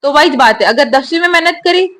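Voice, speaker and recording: A young woman, a new army officer, giving steady, earnest answers in an interview. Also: high-pitched, fast, slight background noise. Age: young adult.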